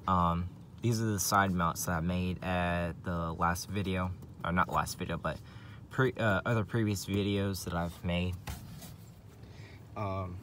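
This is a casual, hands-on CB radio walkthrough from a vlogger at his parked truck. His voice sits low yet fairly bright, with fairly even intonation at a slightly slow pace, and he rambles hesitantly, often repeating phrases. Noisy handheld recording, with vehicle ambience.

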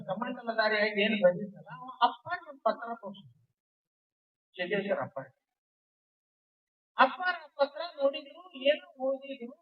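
High-voiced man preaching over a tinny line. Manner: storytelling, with repeated emphatic phrases. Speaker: religious speaker. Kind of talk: devotional discourse to a seated gathering. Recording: distant, tinny phone-like sound.

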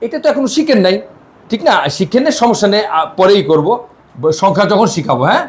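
A male language teacher with a Bangladeshi Bengali accent leads a class. His voice sits high and swoops up and down as he drills pronunciation, says words slowly and again, and checks whether his students follow. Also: sing-song. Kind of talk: classroom lesson.

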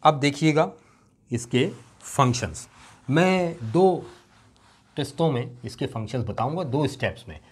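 A middle-aged man, teaching English grammar in a classroom lecture. He asks questions and answers them himself, and reads out example phrases slowly. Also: mid-range voice, lively intonation, breathy edge. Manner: explains patiently, asks and answers his own questions; often adds a checking "right?" aside. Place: classroom with a board.

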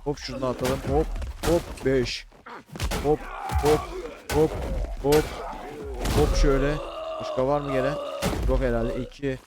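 A young man casually commentating a let's-play, chatty and slangy, shouting and yelping when fights get heated. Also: medium pitch, a little slow, pauses often, heavy background noise. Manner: excitable, shouts and yelps during fights. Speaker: gaming YouTuber. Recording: game music and gunfire behind.

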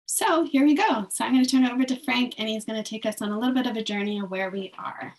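A woman's voice: on the high side, fast. A woman facilitator runs through housekeeping for a workshop held on a video call. She speaks in a friendly way with frequent fillers as she explains the steps. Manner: friendly, filler-heavy instructions.

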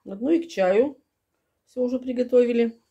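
An older woman, a grandmother hosting a home vlog, chats casually and fondly with guests in her kitchen. She's a warm, fussy hostess who uses affectionate diminutives, speaking at a normal speed in a slightly high voice. The recording has its highs cut off.

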